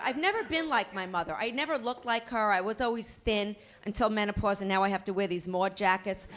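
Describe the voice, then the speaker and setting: A high, sharp-edged female voice belonging to a middle-aged woman on stage doing stand-up. She rants in a brash, profane, self-mocking way, tossing out crude asides and punchlines. Her tone stays bright and biting throughout. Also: a little hiss or hum. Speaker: stand-up comedian. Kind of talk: stand-up comedy routine.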